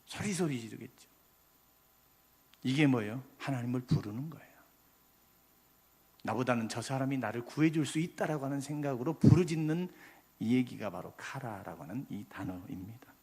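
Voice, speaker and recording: Male pastor, church sermon, husky voice, long reverb of a sanctuary, impassioned delivery with sudden drops to soft. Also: medium pitch, moderate pace, long pauses. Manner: impassioned preaching, rising loud then dropping soft.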